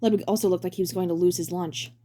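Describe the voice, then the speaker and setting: A woman's voice: on the low side, fairly even intonation, quick pace, mellow. A woman narrating a fan story as a dramatic reading.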